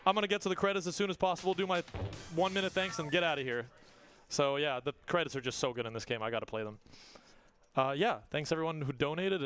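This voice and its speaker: Young-sounding man, casual speedrun commentary. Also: fairly high pitch. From not Australian. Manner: casual, excited, talks fast between game moments. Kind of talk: live commentary while playing. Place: live event stage. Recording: game music playing behind.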